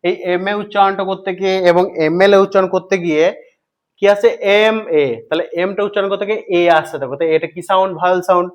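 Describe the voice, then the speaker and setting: A man with a Bengali accent teaching English grammar, asking his students questions and answering them himself, repeating key points slowly. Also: high voice, fairly even intonation. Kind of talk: explanatory grammar lesson.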